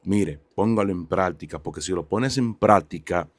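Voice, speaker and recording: Brief: low, deep male host of a faith testimony show, fervent and exclaiming, dry close sound. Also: moderate pace, no echo. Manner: fervent, exclaiming praise and urging viewers.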